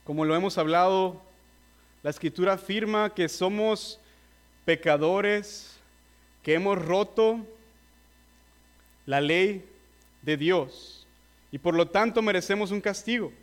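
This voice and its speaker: A man's voice: sits high, slow pace, long pauses. A man preaching a sermon, earnestly urging his listeners and admitting he is nervous.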